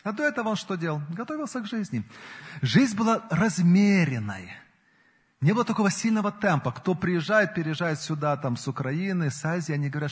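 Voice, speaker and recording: A man in his forties delivers a sermon with a slightly husky, fairly high voice. He speaks earnestly, building up and then easing back. The sound carries a long reverb, as in a large church hall. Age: 40s. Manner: earnest, rises and falls in emphasis. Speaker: preacher.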